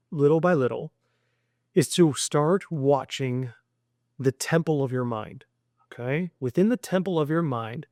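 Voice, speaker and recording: A father gives his son a heartfelt lesson about mindset, earnest and long-winded, linking his thoughts together with "and" and gently encouraging the boy. His mid-range voice is captured in clean studio sound with no room echo.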